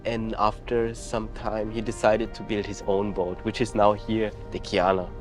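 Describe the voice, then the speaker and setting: A man from Austria working as a dive guide, speaking in a relaxed documentary interview and pausing to search for words. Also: fairly low pitch, faint music behind.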